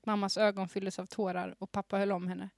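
A woman's voice: medium pitch, flat delivery, a little mellow, dry recording, clean studio sound. Woman giggling through an old story. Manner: reads with suppressed giggles. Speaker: podcast host. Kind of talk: reading aloud her old teenage story. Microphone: studio microphone with headphones.

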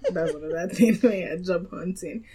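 Chatty young Nigerian woman, lowish voice. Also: moderate pace, background noise. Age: young adult. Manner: chatty, meandering, with frequent self-corrections. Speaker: guest. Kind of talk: casual chat.

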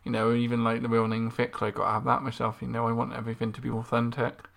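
Co-host: male, gravelly mid-pitched voice, flat intonation, informal podcast discussion. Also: fast talker.

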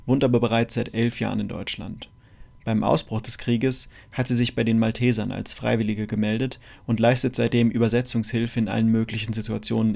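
A man's voice: lowish voice, vocal fry, darkish tone. A man hosting a podcast, reading an earnest scripted introduction and then interviewing his guest. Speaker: podcast host.

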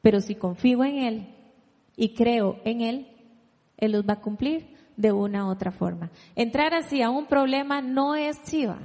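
A woman's voice: on the high side, measured pace, a little mellow, long reverb tail. A woman preacher giving a sermon, reading scripture aloud and posing rhetorical questions to her listeners. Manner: asks rhetorical questions and invites the audience to read along.

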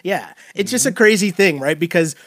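A man hosting a casual sports podcast, animated and full of "like.". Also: high-pitched, normal speed, no room sound, studio quality. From Canada. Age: 30s. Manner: animated, talks with filler "like" and laughs. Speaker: podcast host.

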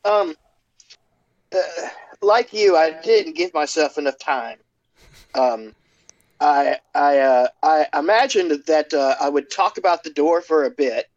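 Male guest poet, halting and deliberate small talk, slightly high pitch, dry but muffled tablet sound. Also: dry recording. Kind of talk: casual chat. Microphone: tablet on online call. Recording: dull tablet call audio.

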